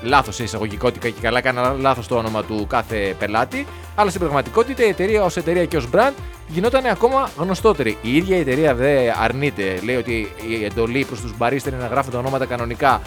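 A man's voice: mid-range voice, animated, soft background music. A middle-aged man co-hosting a radio show in casual chat, rambling and joking as he talks. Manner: chatty, rambling, jokey. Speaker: radio co-host.

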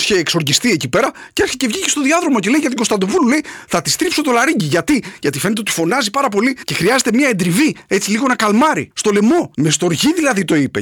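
A man's voice: high voice, husky, no echo, studio quality. A man with a Cretan Greek accent performing a sarcastic stand-up monologue, acting out the voices of the people in his story. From Crete. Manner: acts out quoted voices, sarcastic, animated. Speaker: stand-up comedian.

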